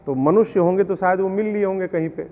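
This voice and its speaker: High-voiced man giving devotional discourse. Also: quick pace, in a large hall, phone-quality sound, slight background noise. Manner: explains scripture with verses and parables. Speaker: Ramayana storyteller. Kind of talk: devotional discourse with sung verses.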